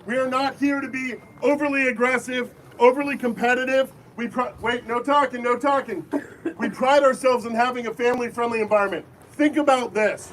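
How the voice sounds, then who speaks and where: High voiced guy running a safety briefing outside, bossy call and response, kinda far off from the mic. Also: fairly bright tone. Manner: firm, call-and-response, commanding. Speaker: airsoft event briefing leader. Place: outdoor airsoft field. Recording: distant voice with faint background noise.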